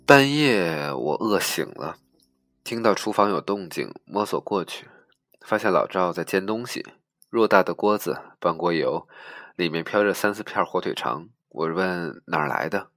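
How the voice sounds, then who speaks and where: Deep-voiced man reading a story. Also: lively intonation, measured pace, fairly bright tone, no echo, studio quality, faint music behind. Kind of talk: reading a humorous personal story aloud.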